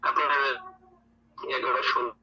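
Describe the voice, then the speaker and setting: A man's voice: mid-range voice, little pitch movement, unhurried, a little hiss or hum. Man on a choppy, cutting-out phone line. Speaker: caller. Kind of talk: phone debate. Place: office washroom.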